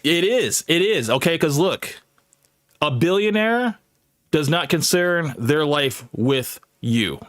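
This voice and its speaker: Blunt male debater, mid-pitched, dry close sound. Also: animated, slow pace, fairly bright tone, no echo. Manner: blunt, opinionated, repeats himself. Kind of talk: live online debate.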